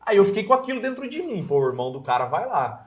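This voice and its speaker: A man with a Brazilian Portuguese accent speaks in a relaxed mentoring chat. His voice sits a bit high for a man. He talks earnestly and fills his pauses with hesitant sounds. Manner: earnest, many hesitation fillers. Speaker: evangelism mentor.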